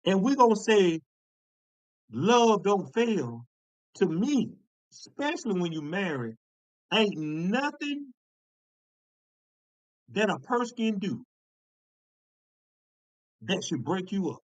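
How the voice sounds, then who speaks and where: A man preaching a sermon in a folksy, emphatic way, repeating phrases and slowing down to stress key words. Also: sits high, very animated, dry recording, muffled recording.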